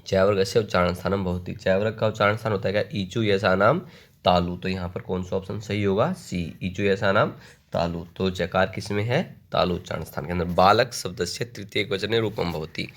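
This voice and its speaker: A man leads an online exam-prep lesson in a fairly low voice. He reads each question aloud, then recites the word forms in slow, rhythmic lists. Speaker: Sanskrit exam tutor.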